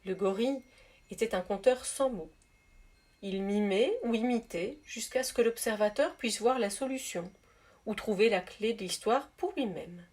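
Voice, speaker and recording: A woman reading a spiritual story aloud in a soft, measured, gentle narrating voice. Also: medium pitch. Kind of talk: calm read-aloud storytelling.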